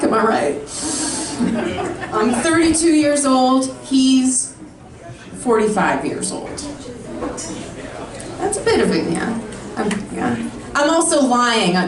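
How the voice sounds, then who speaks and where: A woman's voice: high voice, recorded from a distance. A woman in her thirties performing a brash, sarcastic stand-up comedy set. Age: 30s. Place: comedy club stage with a live audience. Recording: echoey room, mic heard from afar, crowd laughter. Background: audience laughing.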